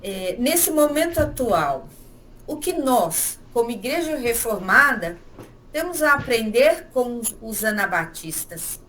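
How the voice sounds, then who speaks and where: A woman's voice: fairly high pitch, sing-song, fairly bright tone, slight background noise, poor audio. A woman interviewer giving a polite, formal introduction of her guest and then asking him a question. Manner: measured, polite reading.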